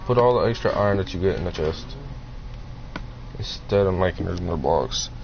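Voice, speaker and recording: Low-voiced man streaming a game. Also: lively intonation, brisk, gravelly. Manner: teasing, bossy banter. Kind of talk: casual gaming chat. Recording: muffled lo-fi mic with faint hiss.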